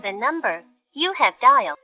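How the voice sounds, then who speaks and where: A woman voicing a formal, flat automated phone-network message in a dubbed drama. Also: fairly high pitch, normal speed, soft background music. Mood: recorded. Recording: dull muffled phone recording.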